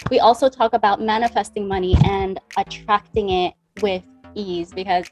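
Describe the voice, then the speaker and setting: Over soft background music, a money mindset coach from the Dominican Republic chats as a guest in a conversational interview. Upbeat and talkative, she acts out past conversations, speaking at a normal speed in a steady, slightly mellow, medium-pitched voice.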